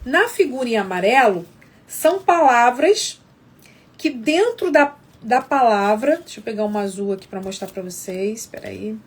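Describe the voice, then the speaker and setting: A woman's voice: fairly high pitch, lively intonation, moderate pace, a little hiss or hum. A woman explaining literacy games step by step in a casual live lesson, often checking in with viewers. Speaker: educator teaching literacy games.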